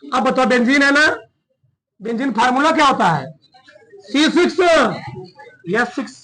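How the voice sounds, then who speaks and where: High, bright-voiced chemistry teacher. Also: male voice, expressive, measured pace, poor audio. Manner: colloquial, keeps checking students follow along. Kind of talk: chemistry lesson solving a problem.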